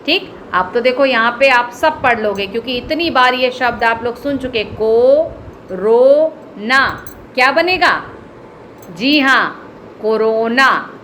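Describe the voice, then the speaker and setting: A woman's voice: fairly high pitch, bright, forceful tone, slight background noise. A woman teacher giving an online reading lesson to children, sounding out words one at a time. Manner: slow, word-by-word dictation-style reading.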